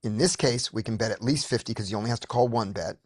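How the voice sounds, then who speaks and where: A man's voice: medium pitch, quick pace, no room sound, clean studio sound. A man leading a poker study group on a video call, explaining step by step with frequent restarts. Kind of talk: casual teaching discussion.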